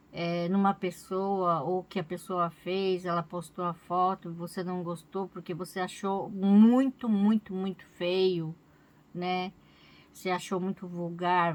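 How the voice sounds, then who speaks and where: A woman with a Brazilian Portuguese accent, a crochet vlogger chatting casually and rambling, often tagging her sentences with a questioning "né?". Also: mid-range voice. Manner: rambling, chatty, keeps adding "né?". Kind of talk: casual chat to camera.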